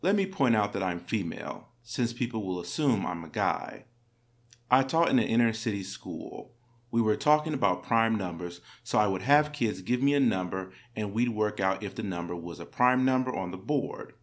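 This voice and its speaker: Male narrator, lower pitch, calm measured read of online anecdotes. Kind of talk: reading internet stories aloud.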